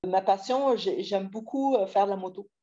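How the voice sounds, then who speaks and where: This earnest personal testimony comes from a fiftysomething Quebec woman with a Québécois accent, a program client who tells her story haltingly with many fillers and restarts. Her voice is mid-range and dark, and the sound is dull and lo-fi with a roomy echo.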